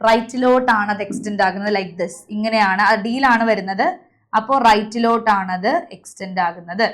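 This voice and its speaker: A woman's voice: mid-range voice, fairly even intonation, fairly quick, a bit bright. A young woman teacher leading an online class, calling on students by name and drilling letter sounds over a video call.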